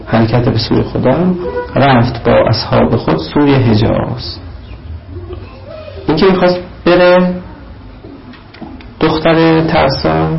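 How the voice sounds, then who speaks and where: Man, rough fry in the voice, rhythmic verse recitation with plain asides, muffled old recording, soft music behind. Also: medium pitch. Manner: chants verse in measured rhythm, then explains in plain speech. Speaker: storyteller reciting classical poetry. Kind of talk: verse recitation with spoken commentary. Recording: dull lo-fi recording with faint music.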